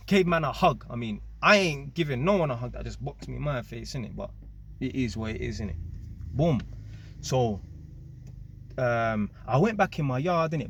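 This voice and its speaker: A man casually telling a story to camera, animated and full of street slang and tag questions. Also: mid-range voice, dull audio, a little hiss or hum. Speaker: vlogger.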